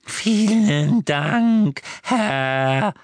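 A man voicing a frail, servile and hateful old house-elf in a squeaky, drawn-out voice for an audiobook. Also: lively intonation, dry recording, heavily acted. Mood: sly servile. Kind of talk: audiobook character voice.

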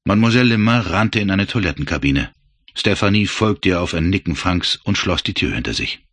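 Man reading an audiobook, low husky voice, very lively, dry booth sound. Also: fairly quick, dry recording. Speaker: audiobook narrator. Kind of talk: scripted narration.

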